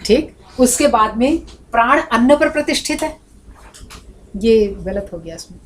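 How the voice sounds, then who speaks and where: A woman's voice: on the high side, expressive, measured pace. A woman teaching a Sanskrit class, explaining points at length and breaking into spoken examples and recited sound drills. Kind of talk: classroom lecture.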